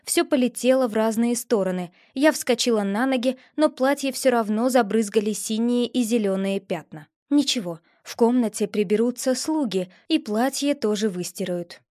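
A woman reads a first-person novel aloud in a voice a bit higher than most. She is expressive and builds heat in her character's outbursts. The close mic gives a dry sound with no room echo. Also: moderate pace, hardly any pauses. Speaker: audiobook narrator. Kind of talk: first-person audiobook narration.

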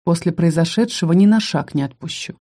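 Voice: mid-range voice, a little fast, dark tone, lightly acted. A reader voicing a possessive young battle mage. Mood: intense. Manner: intense, demanding.

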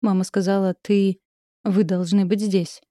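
A woman's voice: mid-range voice, flat delivery, measured pace, warm tone, dry recording, studio quality, close to an everyday voice. A woman reading the part of a tearful, pleading middle-aged mother in an audiobook.

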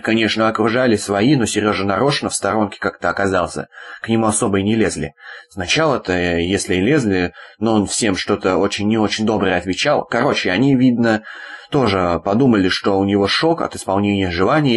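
A man's voice: fairly low pitch, fairly quick. A man reading a first-person audiobook in a wry, slangy storytelling manner. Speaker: audiobook narrator.

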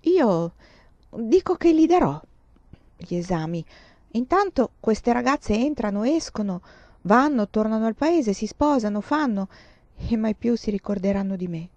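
A woman's voice: on the high side, expressive, moderate pace, a little mellow, no room sound. A woman voicing a mature, ambitious woman writer who speaks in intense, rueful bursts, on a dull lo-fi recording. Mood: defiant.

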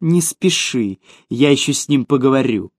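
A man's voice: mid-range voice, expressive, normal speed, dry recording, clean studio sound, natural voice. A man voicing a ruthless, domineering woman who mocks her partner in a cutting tone for an audiobook. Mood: commanding. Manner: sneering, cutting. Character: cold, mocking, domineering woman, ruthless schemer. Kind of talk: audiobook character voice.

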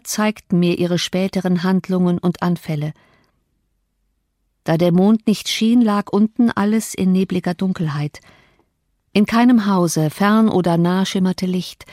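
A woman reading a novel aloud in measured, scripted narration. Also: medium pitch, darkish tone, no room sound, clean studio sound. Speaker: audiobook narrator.

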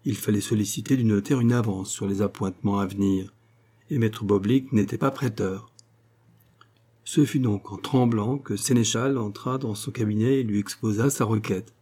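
Male audiobook narrator, mellow dark voice, measured pace, literary narration. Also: on the low side, fairly even intonation, husky.

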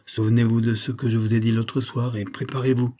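A man's voice: medium pitch, level tone, brisk, mellow, close to an everyday voice. A man reading the part of a scheming middle-aged major, insistent and coaxing.

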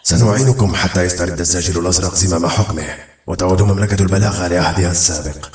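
A man voicing a solemn male clan leader in an audiobook, speaking low and measured. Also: darkish tone, slight background noise, lightly acted. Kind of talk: audiobook narration. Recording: roomy echo.

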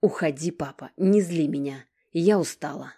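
A woman voicing an angry, bitter young woman who snaps sharply at her father in a low, husky voice. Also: normal speed. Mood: furious. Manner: sharp, cutting, loud.

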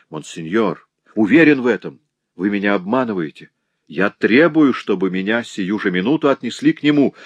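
A man's voice: on the low side, no echo, lightly acted. A man reading an audiobook, voicing a noble young prince who speaks urgently and demands to be obeyed.

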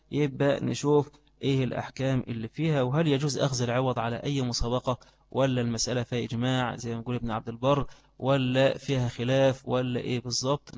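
A man with an Egyptian accent teaching Islamic law in a classroom lecture, quizzing his students with repeated questions and then answering them himself. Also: medium pitch. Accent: Egyptian Arabic. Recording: long reverb of a hall.

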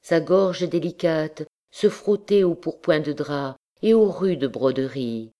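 A woman reading a classic novel aloud as an audiobook narrator, in a measured, expressive way. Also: sits low. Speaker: audiobook reader. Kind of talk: scripted narration.

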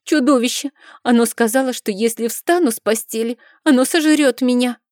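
A scared, sickly little boy's voice, put on by a woman reading an audiobook, pitched well above her own and thin. He whines, pleads and pushes back stubbornly, his words coming out shrill and tearful. The sound is close and dry. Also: unhurried, dark tone, dry recording, lightly acted. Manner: whiny, pleading, high and shrill. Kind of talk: audiobook character voice.

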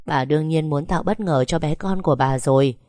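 A woman's voice: low voice, brisk, mellow, no room sound, studio quality, lightly acted. A woman voicing a doting, fierce grandmother over eighty, who fusses and scolds. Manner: fussing, scolding.

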